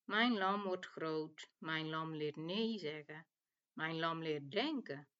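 A woman voicing a patient, caring mother sheep in a storybook tale, speaking calmly and reassuringly. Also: sits low, takes it slowly, muffled recording. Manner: calm and reassuring.

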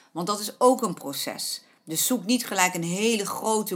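A woman's voice: on the low side, fairly bright tone. Earnest Dutch woman advising parents. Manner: earnest, repeats points, acts out a panicking child's voice. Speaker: pony riding coach. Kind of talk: spoken advice to parents.

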